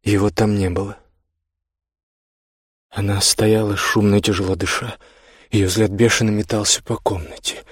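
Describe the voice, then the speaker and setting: A man narrating a novel in a low, husky voice with measured, tense storytelling. The recording is dry and close. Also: flat delivery, no echo. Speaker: audiobook narrator. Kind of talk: scripted narration.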